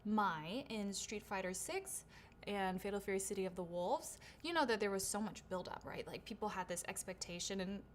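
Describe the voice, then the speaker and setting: A woman voice actor speaks at medium pitch, with slight background noise, while hosting her livestream Q&A on a shotgun studio microphone. A native English speaker, she reads out questions from viewers and gives bubbly, chatty answers, leaning on "um" and "right?"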